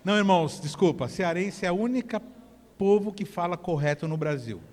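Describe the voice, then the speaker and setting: A man, preaching in an animated, conversational sermon that builds to shouting. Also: high voice, brisk. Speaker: pastor. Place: church hall. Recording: echoey church hall.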